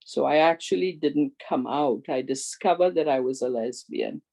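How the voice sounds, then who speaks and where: Speaking at a normal pace in a low, creaky, mellow voice, an older woman presents an earnest community awareness talk. Her voice is big and strong, and as an advocate she keeps making pleading requests of her audience.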